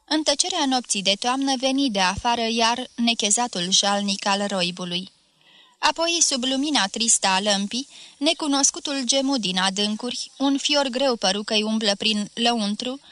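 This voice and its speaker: A woman reads a classic story aloud in a steady, measured way. Her voice is bright and a little high, recorded close in a dry room. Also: no echo. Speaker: narrator.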